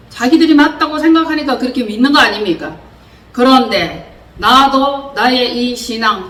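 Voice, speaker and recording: Delivering a sermon in a slightly high, somewhat bright voice, a woman preacher urges her audience on earnestly and poses question after rhetorical question. It's captured on a distant mic in an echoey room, with faint background noise.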